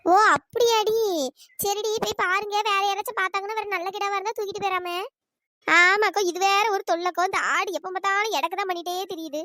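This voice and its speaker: Woman doing very high squeaky cartoon village ladies, bossy and quick. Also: bright, forceful tone, no room sound. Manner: scolding, bickering, teasing. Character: bossy gossiping village women, scolding and sharp-tongued. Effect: pitch-raised voice. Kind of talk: cartoon voice acting.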